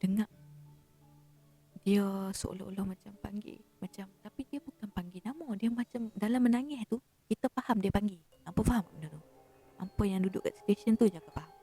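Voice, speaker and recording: A woman with a northern Malaysian accent telling a spooky story in a casual, animated way, sometimes dropping to a hush. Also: medium pitch, brisk, slightly rough, faint music behind. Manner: animated, drops to a hushed whisper for suspense.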